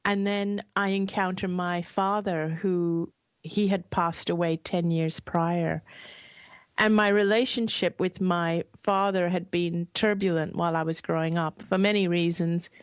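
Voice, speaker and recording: Earnest low-voiced woman guest, dry sound. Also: fairly even intonation, a little slow, clear, resonant tone, dry recording. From Hong Kong. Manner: earnest, heartfelt, softly emphatic. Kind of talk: reflective interview storytelling.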